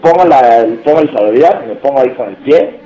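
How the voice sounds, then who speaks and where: A young man with a Mexican accent telling a funny story to friends in casual, slangy talk, laughing and acting out shouts. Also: medium pitch, animated, a little fast, reverberant, faint music behind, rough recording. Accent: Mexican Spanish.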